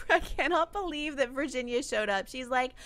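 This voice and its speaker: Woman, high voice, excitable, let's-play commentary, laughs a lot. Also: measured pace. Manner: excitable, exclamatory, laughs often. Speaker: gaming YouTuber.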